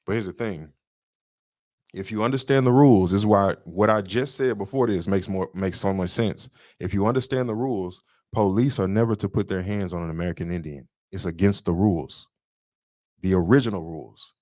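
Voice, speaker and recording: A man's voice: low-pitched, fairly quick, a little mellow, no room sound, studio quality. A man co-hosting a podcast, lecturing in an emphatic way and repeating his points. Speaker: podcast co-host. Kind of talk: casual political talk.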